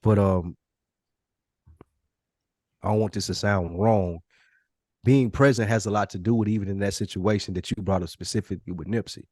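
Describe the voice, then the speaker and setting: Man, podcast co-host, plain pitch, blunt and emphatic, casual swearing, very dry close sound. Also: moderate pace, pauses often, a little mellow, no room sound.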